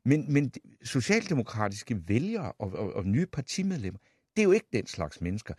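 A man's voice: mid-range voice, husky, no echo, studio quality. A man hosting a radio talk show, questioning his guest in a debate, with frequent restarts. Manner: challenging, lively questioning with restarts. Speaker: radio host. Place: radio studio.

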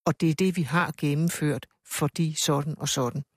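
A woman's voice: sits low, no echo. Thoughtful woman panelist, dry sound. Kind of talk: panel discussion.

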